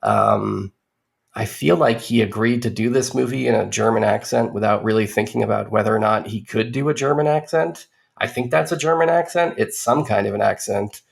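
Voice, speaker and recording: A man with a low, gravelly voice talks through a movie review on a podcast. He rambles, restarts his sentences and drops dry, sardonic asides as he goes. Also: moderate pace.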